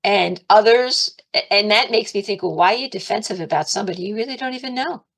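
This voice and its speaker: A woman giving an informal, chatty sermon, animated, laughing often and raising her voice to act out her pleas to God. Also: medium pitch, fast, vocal fry. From Italian and Irish heritage. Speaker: spiritual teacher.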